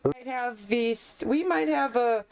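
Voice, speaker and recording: A woman runs a tabletop game as game master, and her voice sits fairly high. She narrates in a playful, giggly way. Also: measured pace, vocal fry, darkish tone.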